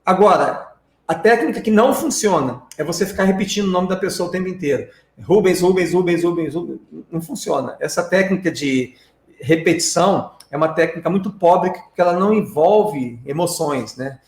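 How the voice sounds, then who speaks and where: This English teacher, a man with a Brazilian Portuguese accent, runs a live-streamed lesson, explaining things step by step and tossing tag questions to his viewers. His voice is fairly high, lively in intonation, fairly quick and darkish, with a roomy sound.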